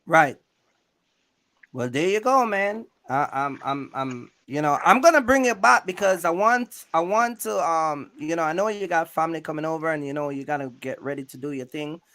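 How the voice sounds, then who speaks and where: Here the host sounds a little high and bright, with lively intonation, a forceful tone and a moderate pace. He's chatting with a guest about trucking for YouTube, rambling, repeating points, talking street slang and checking in often with his listener.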